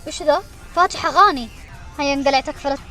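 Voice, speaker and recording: High-pitched excitable gamer woman. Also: fast talker, soft background music. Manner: excitable, shrieking when chased. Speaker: gaming streamer. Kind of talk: excited gameplay commentary.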